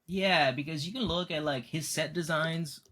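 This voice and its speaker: A man's voice: fairly high pitch, normal speed, sharp tone. A man co-hosting a casual film discussion, rambling with lots of fillers and restarts, laughing often. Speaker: podcast co-host.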